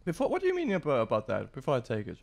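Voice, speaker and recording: A man's voice: medium pitch, wildly swooping pitch, racing, creaky, a little mellow. A man with a German accent, a native German speaker from Germany, joking around in casual banter while playing a game with a friend. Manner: playful, jokey, calls his partner "sir". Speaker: game player.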